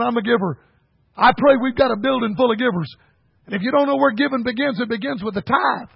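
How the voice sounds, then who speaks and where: An older preacher with a high, gravelly voice, rough and husky all through. He preaches a revival sermon in folksy, storytelling fashion and calls his listeners son and buddy. The recording is dull and dry, with no room sound. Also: no room sound.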